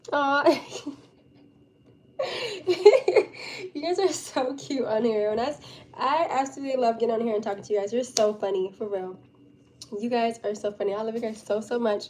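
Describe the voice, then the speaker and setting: A woman's voice: on the high side, measured pace, pauses often. A young woman live streamer chatting casually and informally with her viewers, with a giggly, chatty manner. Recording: steady background noise.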